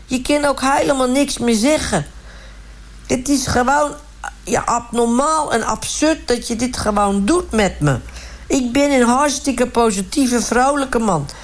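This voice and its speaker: A woman's voice: fairly high pitch, unhurried, lightly acted. Woman doing a chatty self-righteous village man. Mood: indignant. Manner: rambling, indignant, repeats "hartstikke" and "gewoon". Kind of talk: comic radio sketch.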